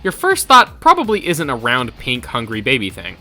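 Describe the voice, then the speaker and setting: A co-host narrates a scripted versus show with dramatic, theatrical storytelling over faint background music. His medium-pitched voice has a sharp edge, swings hugely in pitch, and keeps a moderate pace.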